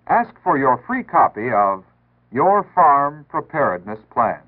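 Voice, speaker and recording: Unhurried and sing-song, a medium-pitched American male voice delivers a scripted civil defense announcement from the 1960s. The tone is formal, earnest and instructional. Sound quality is tinny and narrow-band, typical of 1960s radio archives.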